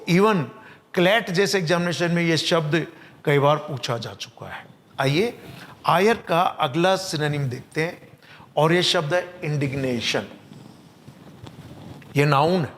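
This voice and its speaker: A man's voice: fairly high pitch, a bit bright. Male vocabulary teacher. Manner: explains in Hindi, reads English example sentences slowly and carefully. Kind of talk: vocabulary lesson.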